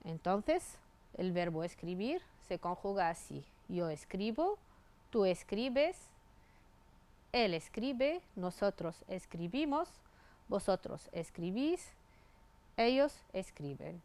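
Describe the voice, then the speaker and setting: A woman's voice: medium pitch, very animated, slow, darkish tone. A woman teaching Spanish grammar, reading out verb forms one by one and spelling out the endings. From Tunisia. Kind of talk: grammar lesson.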